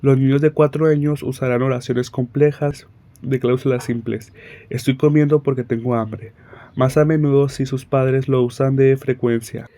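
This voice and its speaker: A young man reading a class presentation aloud, halting and often restarting his words. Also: mid-range voice, fairly even intonation, mellow. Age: young adult. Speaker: student presenter.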